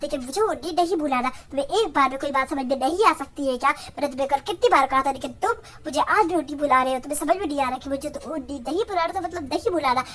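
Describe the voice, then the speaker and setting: A woman's voice: high-pitched, fast, few pauses, fairly bright tone. A woman playing a hot-tempered bossy senior. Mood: angry ranting. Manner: ranting insults.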